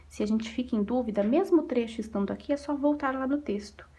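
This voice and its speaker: A woman's voice: fairly high pitch, fast, dark tone, slightly rough. A woman with a Brazilian Portuguese accent, a primary school teacher going over exercises in a recorded remote lesson, patiently asking and answering her own questions.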